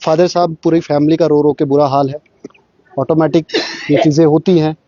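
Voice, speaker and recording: A male vlogger reporting on the spot and interviewing, halting and leaning on filler phrases. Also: on the high side, little pitch movement, dark tone, no echo, highs cut off. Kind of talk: on-the-spot news-style vlog reporting.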